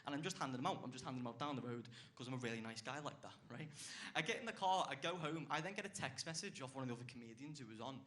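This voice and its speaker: A man's voice: mid-range voice, animated, very fast, hardly any pauses, a bit bright. A young man doing a stand-up routine on a club stage, brash and swearing, chuckling at his own lines. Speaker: stand-up comedian.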